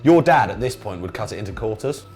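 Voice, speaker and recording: A man's voice: fairly low pitch, expressive, quick pace, a little mellow, faint music behind. A British man hosting a casual cooking vlog, chatting and swearing jokily as he talks through what he is making. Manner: chatty, sweary, jokey self-commentary. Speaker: cooking show host.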